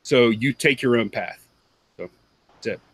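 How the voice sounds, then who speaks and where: A man's voice: mid-range voice, measured pace, a bit bright, husky, no room sound. A man in his thirties on a headset video call, giving advice in a rambling, self-correcting way and laughing often. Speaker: panelist, reseller. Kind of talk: casual video call chat. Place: home room with collectibles.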